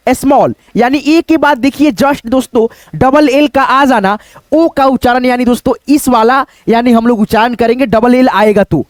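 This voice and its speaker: Teacher, male, very high voice, spells words out slowly, close dry mic. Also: no echo. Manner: spells words out letter by letter, keeps asking "दोस्तों". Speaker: English teacher. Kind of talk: spoken lesson.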